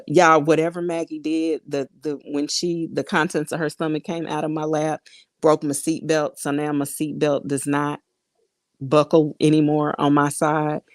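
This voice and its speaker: Laughing frequently, a woman with a low, slightly mellow voice talks casually to her viewers and reads their comments out loud as a vlogger. Her recording is close-miked and dry, free of room echo.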